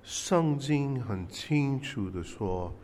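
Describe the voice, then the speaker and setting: A man preaching in short, halting, conversational phrases, pausing for an interpreter. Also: medium pitch, expressive, a crowd in the background. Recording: echoey hall with long reverb.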